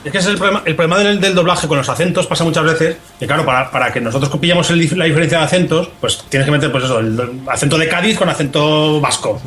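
Fast-talking, opinionated Spanish man. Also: a little high, fairly bright tone. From Spain. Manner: emphatic, opinionated, laughs easily. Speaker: podcast co-host. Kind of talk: casual film podcast chat.

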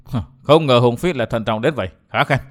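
Male reader doing sly polite advisor guy, measured, respectful, lowish voice. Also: animated, fairly bright tone, lightly acted. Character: shrewd, deferential middle-aged male strategist.

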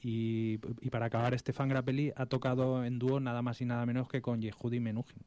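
A man talks through film music on a studio radio show. His pitch sits mid-range, and he stops, restarts and hesitates as he explains. The recording is dry and close. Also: level tone, a little fast, dark tone, no room sound. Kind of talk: casual radio talk about film music.

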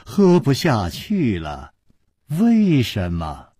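A man's voice: mid-range voice, wildly swooping pitch, mellow, slightly rough, no room sound, clean studio sound, exaggerated voice. A man doing a jovial, hearty feast host. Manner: hearty, drawn-out exclamations.

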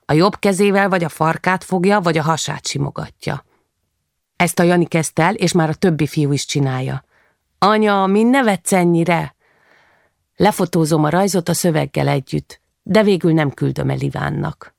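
A woman reading a first-person novel in a quiet, measured way, lifting her voice for the children. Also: low-pitched, vocal fry, no room sound, studio quality. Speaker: audiobook narrator.

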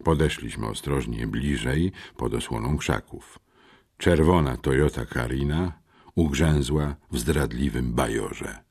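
A man narrating an adventure audiobook in the first person with expressive storytelling. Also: extremely low pitch, a little slow, slightly rough.

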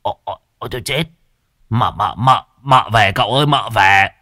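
A man's voice: fairly low pitch, normal speed, sharp tone, no room sound, studio quality. A man voicing a cowardly old man who wails and stammers in panic. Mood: panicked.

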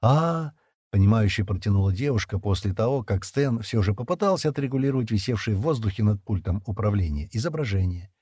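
Male audiobook narrator with a husky voice, expressive delivery and a dry, close sound. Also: on the low side, quick pace, no echo. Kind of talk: scripted narration.

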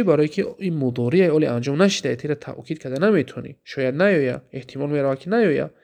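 A man with a Tajik accent teaching an Arabic grammar lesson, asking questions and answering them himself, and reciting the Arabic examples slowly. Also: on the high side, creaky, darkish tone. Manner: explaining, asks questions then answers them.

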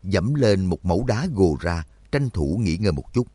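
A male audiobook narrator reads an adventure story with a deep voice. His delivery swings widely in pitch to carry the tension. The recording is close and dry. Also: moderate pace, breathy edge, no echo. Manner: expressive storytelling, voices for characters. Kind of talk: scripted narration.

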